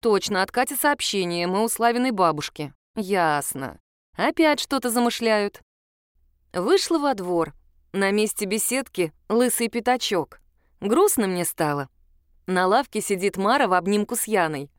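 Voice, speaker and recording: A woman narrating a first-person story in an expressive, storytelling manner. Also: mid-range voice, unhurried, smooth, dry recording, clean studio sound. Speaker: audiobook narrator.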